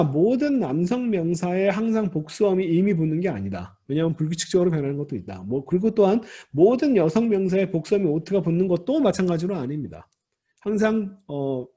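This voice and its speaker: A man's voice: sits high, warm tone, breathy edge. A man teaching a recorded grammar lecture, patiently explaining, repeating key words and reassuring students directly.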